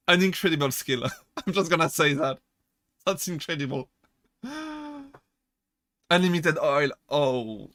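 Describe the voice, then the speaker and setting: On a casual chat stream, a male VTuber with a bright, forceful, slightly high voice rambles, corrects himself mid-sentence and bursts into laughter while answering chat. The recording is smooth, dry and close, with no room sound.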